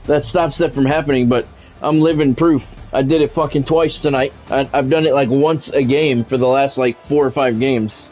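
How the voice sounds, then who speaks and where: Over soft background music and lo-fi sound, a man with a steady, somewhat mellow mid-range voice narrates a football video game at a moderate pace. His live play-by-play is peppered with blunt, salty, offhand comments, mixing commentary with casual talk.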